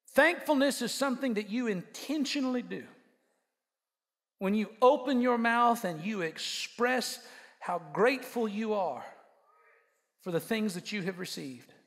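A man's voice: very high voice, a bit bright. A male pastor preaching an emphatic sermon with humorous asides and call-and-response to his congregation. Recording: long reverb of a large hall.

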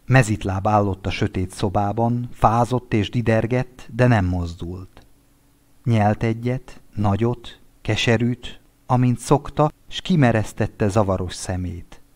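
A man narrating a literary short story, reading in a measured, expressive way. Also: on the low side. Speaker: audiobook narrator.

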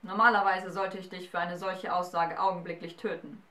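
Eine Frau spricht einen stolzen, befehlsgewohnten Feuerriesen mit drohendem Ton. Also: female voice, medium pitch, normal speed, a bit bright, echoey room, recorded from a distance, natural voice. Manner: commanding, menacing. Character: fiery male giant ruler, proud and threatening.

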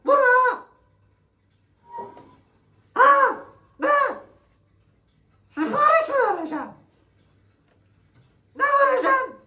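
A shrill, blunt shop clerk, played by a woman in a comedy sketch, bellowing rudely and dragging out her slow words. Her voice is squeaky and sits extremely high. It rings back off the walls of an echoey room. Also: very animated, full character voice. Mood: rude shouting. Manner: shouty, rude, drawling. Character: loud blunt clumsy female shop worker.

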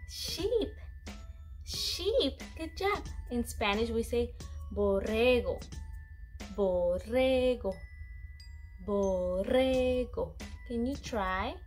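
A woman in her thirties giving a simple children's language lesson, encouraging as if talking to a toddler. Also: sits high. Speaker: bilingual teacher for toddlers. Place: small room indoors.

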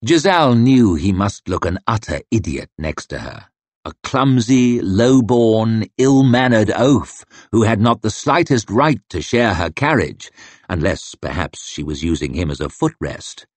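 Male audiobook narrator, unhurried, expressive, low, close dry sound. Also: no echo. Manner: measured, expressive storytelling. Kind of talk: scripted narration.

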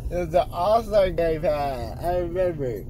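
A fifteen-year-old boy, loopy and groggy after wisdom teeth surgery, rambles insistently and repetitively in unfiltered casual chat inside a car. His fairly high voice has lively intonation and is a little slow, with crowd noise over a noisy car interior.

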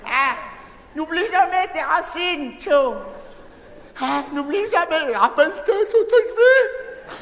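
A proud, bossy older mother with a thick ch'ti accent, as a man puts her on, calling out high and nagging in a live stage comedy act. The voice is high-pitched and lively, and it rings through a big echoey hall with faint noise behind. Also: slow pace, pauses often, heavily acted. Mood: scolding proud. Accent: ch'ti (Picard, northern France).

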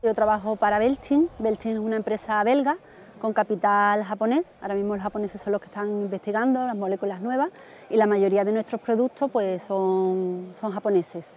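A woman in her thirties, a company representative, clearly presenting a product outdoors. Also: medium pitch, brisk, a little mellow. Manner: clear, promotional. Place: outdoors in a cotton field.

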